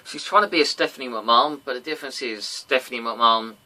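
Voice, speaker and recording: On a noisy home-recorded wrestling review podcast, the host talks fast in a mid-range, pushed, bright voice. He's chatty and wanders off topic, sometimes bursting into goofy sung impressions.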